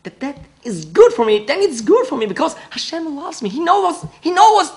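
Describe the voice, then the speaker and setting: A man playing a cheerful, devout floor cleaner in an audio drama, stammering and giggling, sometimes breaking into joyful shouts. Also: very high-pitched, sing-song, normal speed, full character voice. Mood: overjoyed.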